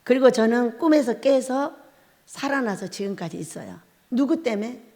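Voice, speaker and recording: A middle-aged woman preaching with a high, lively voice that rises and falls a lot. She tells her testimony as a story and acts out the crying and shouting herself. The sound carries the long reverb of a church hall. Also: normal speed. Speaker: pastor. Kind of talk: sermon with personal testimony.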